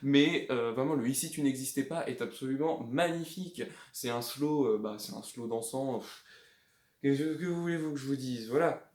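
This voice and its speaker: A man's voice: mid-range voice, normal speed, darkish tone. Chatty man rambling about records, echoey room. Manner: rambling, many hesitations, enthusiastic about records. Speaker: record collector vlogger. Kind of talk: casual show-and-tell of flea-market finds. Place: indoors at home.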